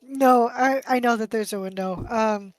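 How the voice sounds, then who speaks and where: A woman's voice: fairly high pitch, measured pace. A woman player in a tabletop game, talking playfully and giggling often. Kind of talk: casual tabletop game play.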